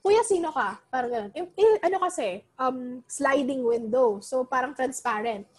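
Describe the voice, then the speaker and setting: A woman's voice: high voice, moderate pace. A young woman casually telling a story, mixing Filipino and English with many fillers. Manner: animated, Taglish code-switching, many fillers.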